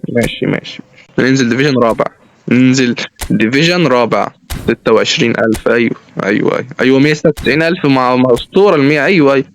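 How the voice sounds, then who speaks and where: Young Egyptian gamer commentating his own football match, rapid-fire talk, somewhat high voice, dry close mic, excitable and mock-argumentative. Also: dry recording. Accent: Egyptian Arabic. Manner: excitable, shouting at the game, mock-arguing with it. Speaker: gaming YouTuber. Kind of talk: live gameplay commentary.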